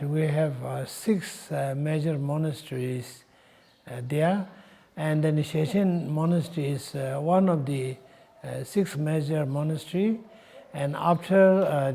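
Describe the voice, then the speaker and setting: An older Nepali man in his sixties, a Buddhist monk in charge of a monastery, gives an unscripted explanatory talk in English, which is not his first language. His voice is slow, mellow, a little high and gravelly. He speaks haltingly, searching for words with frequent pauses.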